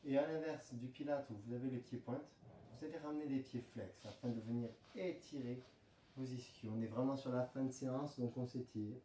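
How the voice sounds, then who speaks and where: Man pilates instructor, very mellow dark voice, roomy echo, mic at a distance, breath cues. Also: medium pitch, brisk, a little hiss or hum. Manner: calm coaching cues, breath counting. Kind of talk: guided workout instruction. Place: room at home.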